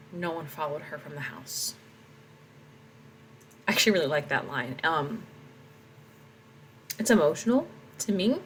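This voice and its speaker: Woman author reading and editing aloud, low voice, reflective, light background noise. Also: rough recording. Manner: reflective, talks through her edits. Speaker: author editing her own story. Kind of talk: reading aloud and commenting on edits.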